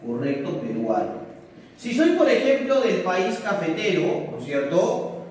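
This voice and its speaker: A young male teacher, filmed from across an indoor whiteboard room, talks through a lesson in a fairly high voice at an unhurried pace. He keeps asking questions as if he were a student, answers them himself and checks in with tag questions. The sound is very echoey and a little distant. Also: very animated, darkish tone, a little hiss or hum. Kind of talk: classroom lesson recorded for distance learning. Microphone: camera across the room.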